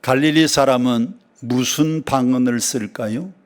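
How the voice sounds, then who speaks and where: A man preaching a sermon in a church, telling stories with sudden high exclamations and dialect jokes. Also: a little slow. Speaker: pastor. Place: church sanctuary.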